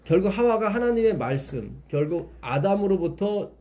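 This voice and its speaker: A man's voice: high-pitched, sing-song, normal speed, dark tone. A man leading a Bible study, explaining patiently and asking his listeners questions.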